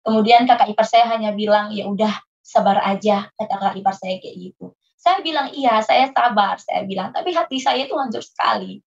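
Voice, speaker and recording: Woman telling her heartbreak story in an interview, acts out what everyone said, average pitch, kinda dull muffled audio. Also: fairly quick, vocal fry. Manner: earnest, re-enacting her own past dialogue. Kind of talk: emotional personal storytelling. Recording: muffled lo-fi recording.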